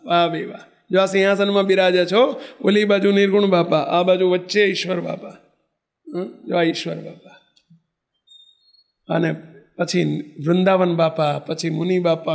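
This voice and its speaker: Man, high voice, devotional sermon, lively storytelling, addresses listeners. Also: creaky. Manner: animated, chants drawn-out ecstatic exclamations. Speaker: spiritual leader giving a discourse.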